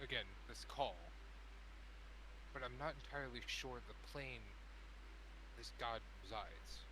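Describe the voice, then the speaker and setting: A man's voice: medium pitch, measured pace, background noise. A man speaking casually as a player in a tabletop role-playing game.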